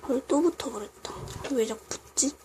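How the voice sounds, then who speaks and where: A woman with a cold casually narrates a craft tutorial, apologizing and muttering self-critical asides. Her voice sits high yet dark in tone, at a moderate pace. The noisy home recording has clicks.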